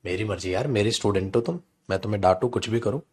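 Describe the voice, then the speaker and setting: A man's voice: fairly low pitch, fast talker, darkish tone. A man with an Indian accent teaching an English grammar class in Hindi, chatty and teasing, often calling the students beta. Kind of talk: live online class in Hindi.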